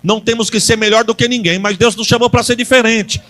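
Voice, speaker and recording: High-voiced preacher man. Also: fairly even intonation, fast. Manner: call-and-response with congregation, rising to loud preaching; folksy storytelling with colloquial grammar. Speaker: pastor. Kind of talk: Pentecostal sermon with storytelling. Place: church service.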